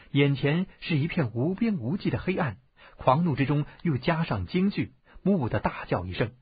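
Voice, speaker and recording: A man narrating a martial-arts novel as an audiobook, telling it expressively with a husky voice. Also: mid-range voice, no echo. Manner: expressive storytelling, varied tone. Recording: dull, dry lo-fi audiobook recording.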